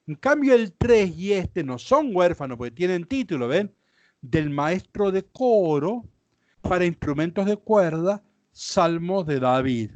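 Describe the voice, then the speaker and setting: Lively slow-talking priest teaching Bible. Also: male voice, sits high, no echo. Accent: Rioplatense Spanish. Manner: explanatory, frequent checks like ¿sí? and ¿ven?. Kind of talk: Bible class lecture.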